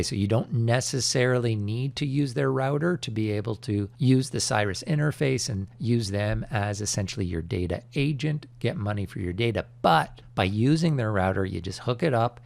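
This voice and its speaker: A man hosting a crypto channel in an energetic, chummy crypto-bro manner, pitching with emphatic salesman hype. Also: vocal fry, dry recording. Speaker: YouTube crypto channel host. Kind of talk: energetic promotional vlog commentary.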